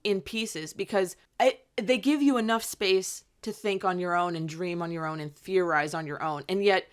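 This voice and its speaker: A woman co-hosting a fan podcast, chatty and excitable, swearing casually. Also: on the low side, normal speed, smooth. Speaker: podcast co-host. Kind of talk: casual chat.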